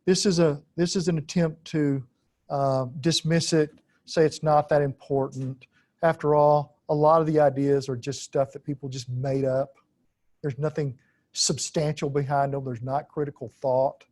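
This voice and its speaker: Halting, deliberate male philosophy lecturer. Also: a little high, flat delivery, darkish tone. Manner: deliberate, halting with frequent "uh" fillers, repeats key phrases for emphasis. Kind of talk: unscripted lecture.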